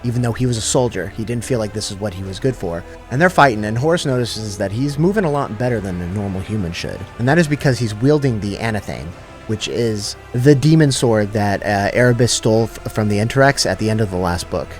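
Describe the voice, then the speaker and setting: A man's voice: lowish voice, lively intonation, fairly quick, faint music behind. A man casually retelling a long story in loose, slangy everyday speech, paraphrasing the characters as he goes. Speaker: lore channel host. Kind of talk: casual abridged lore retelling.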